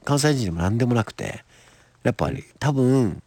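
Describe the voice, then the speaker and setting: Relaxed man reading and chatting, dry sound. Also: mid-range voice, moderate pace, vocal fry, slightly rough, dry recording. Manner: relaxed, thinking aloud with many restarts. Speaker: writer and podcast host. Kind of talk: reading his own short story, then casual chat.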